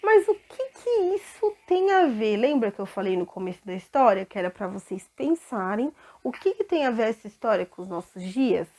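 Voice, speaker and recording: A woman's voice: mid-range voice, normal speed, hardly any pauses. A woman with a Brazilian Portuguese accent, telling a Bible story to children and asking them questions. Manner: animated, asks children questions.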